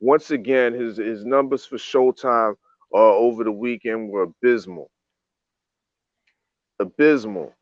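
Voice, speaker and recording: A man's voice: medium pitch, fairly even intonation, unhurried, long pauses, no echo. A man in casual boxing chat, his voice muffled as if coming through a wall, throwing questions at the group. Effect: muffled, as if talking through a wall. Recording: muffled dull dry online call audio.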